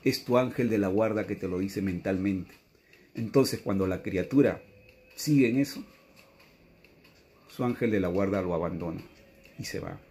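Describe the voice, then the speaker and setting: A man's voice: lowish voice, normal speed, long pauses, darkish tone, slight background noise. A man, giving an earnest, repetitive spiritual teaching and often quoting a messenger. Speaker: religious teacher.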